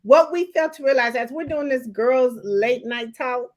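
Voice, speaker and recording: An American woman hosting a casual live chat, folksy and animated, often repeating herself for emphasis. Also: high voice, unhurried. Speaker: host of a late-night live girlfriend chat show.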